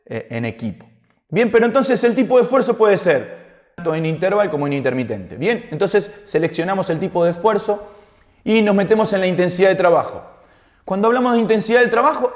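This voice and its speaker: A man lectures as a fitness instructor. He explains step by step in a didactic way, pausing with short tag questions to check understanding. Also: sits high. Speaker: fitness instructor teaching a class.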